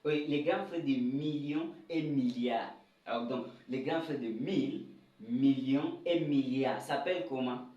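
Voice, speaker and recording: Lively man teaching in an echoey room. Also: mid-range voice, unhurried, highs cut off. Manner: lively, asks the class questions and drills words aloud. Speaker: English teacher. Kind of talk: whiteboard lesson for French speakers. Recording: echoey room, voice a bit far from the mic.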